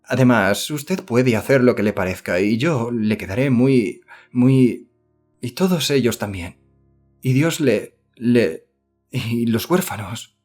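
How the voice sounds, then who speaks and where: A man voicing a timid young woman who speaks in halting, broken-off phrases in an audiobook. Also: medium pitch, a little mellow, soft background music, lightly acted. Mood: tearful.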